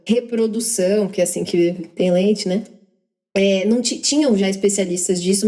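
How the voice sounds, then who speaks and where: A young Brazilian woman co-hosting a podcast, telling work stories in a lively, self-deprecating way with quick asides. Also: a little high. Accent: Brazilian Portuguese. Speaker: podcast co-host. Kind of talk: casual storytelling chat.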